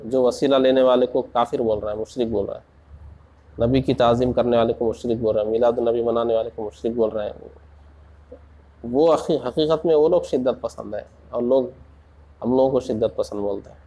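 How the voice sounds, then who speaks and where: A man preaching in a slow, deliberate way, asking rhetorical questions and rising into passionate emphasis. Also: medium pitch, steady tone, mellow. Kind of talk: Urdu sermon.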